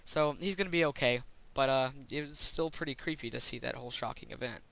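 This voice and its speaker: Young man, casual storytelling vlogger, clear bright tone, dry recording. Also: mid-range voice, fast, no room sound, rough recording. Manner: rambling, excitable, lots of fillers.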